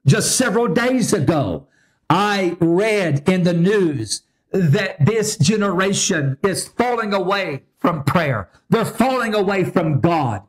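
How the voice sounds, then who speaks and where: A man's voice: high-pitched, expressive, slow. A man preaching a sermon as pastor, emphatic and repetitive in his delivery.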